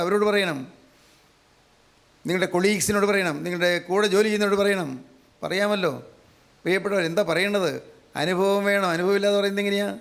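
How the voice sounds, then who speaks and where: A man's voice: sits high, a bit bright, clean tone. A male preacher giving a fervent sermon, emphatic and repetitive, often asking his listeners questions. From Kerala, India. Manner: emphatic, repeats phrases, asks the audience questions.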